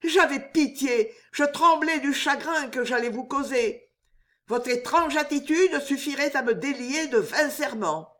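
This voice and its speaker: Storybook young noblewoman, high and very expressive, slow and pleading, read by a woman. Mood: indignant. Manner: pleading, then fiercely indignant. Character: young noblewoman, desperate and proud. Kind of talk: audiobook character reading.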